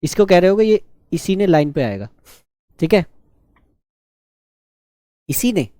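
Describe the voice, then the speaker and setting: A man teaching a shorthand class, teasing his students and dictating words slowly. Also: high-pitched, big pitch swings, dark tone, dry recording, studio quality. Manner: slow, drawn-out dictation. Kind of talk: live online class dictation.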